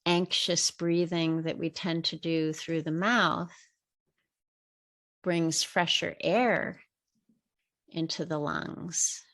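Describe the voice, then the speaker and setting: This middle-aged woman's voice is lowish and fairly even in intonation. She takes listeners through a guided meditation, giving unhurried, gentle directions to breathe and relax.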